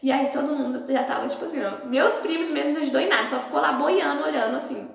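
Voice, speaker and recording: A young woman, casually telling a personal story to camera in a chatty, animated way and acting out the people in it. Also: high-pitched, fast, vocal fry. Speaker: vlogger. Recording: very echoey room.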